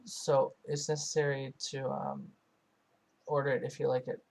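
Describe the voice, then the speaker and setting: A man voicing a live translation over a foreign-language source. He speaks in a narrow, level pitch band and keeps a middle pitch. He pauses and hesitates often, with many filler sounds and restarted phrases. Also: level tone, vocal fry, darkish tone. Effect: live translation voiced over a foreign-language source. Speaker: student interpreter. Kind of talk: simultaneous interpretation voice-over.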